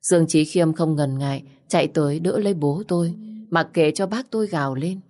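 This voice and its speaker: A woman's voice: low voice, a little fast, mellow. A woman narrating a first-person story in an earnest, mournful way.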